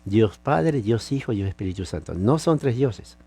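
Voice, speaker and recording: A man's voice: fairly low pitch, lively intonation, moderate pace, warm tone, husky. A man preaching a sermon, teaching with emphasis and asking rhetorical questions. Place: lives in California.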